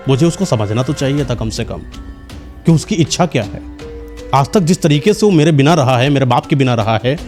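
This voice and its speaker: A man's voice: medium pitch, expressive, brisk, darkish tone, faint music behind, natural voice. A man voicing the grieving ghost of a mother in a told horror story, speaking with anguished, reproachful pleading. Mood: remorseful.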